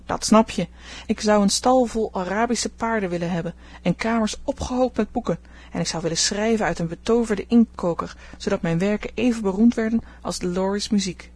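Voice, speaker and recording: A woman reading an audiobook, voicing an outspoken, restless teenage girl who dreams of fame, with a slightly husky voice. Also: mid-range voice, a little fast, a little mellow, natural voice. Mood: eager. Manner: eager, outspoken.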